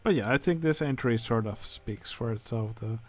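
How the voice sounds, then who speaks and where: A man with a Dutch accent, speaking English as a second language, who hosts a channel and comments casually on game contest entries, pausing often with filler sounds. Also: mid-range voice, darkish tone. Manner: hesitant, many filler sounds. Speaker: channel host judging a building contest.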